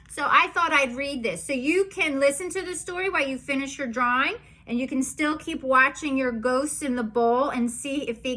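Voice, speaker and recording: Woman preschool teacher, storybook read-aloud, clear bright tone, slow and playful. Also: high voice. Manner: playful, mock-outraged protests. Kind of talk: reading a storybook aloud to young children.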